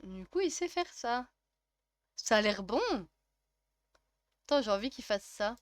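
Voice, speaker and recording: Une jeune streameuse à la voix haute et claire commente sa partie en bavardant, pleine de rires et de taquineries envers les personnages. Le son est sec et proche, sans résonance de pièce. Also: female voice, fairly high pitch, sing-song, unhurried, no echo. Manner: chatty, laughs often, teasing the game characters. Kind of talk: casual let's-play commentary.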